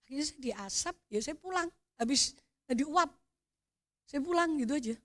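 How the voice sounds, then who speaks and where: A middle-aged woman with a Javanese accent giving an animated sermon testimony, calling out to the congregation and swelling to near-shouts. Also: sits high, normal speed. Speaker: preacher.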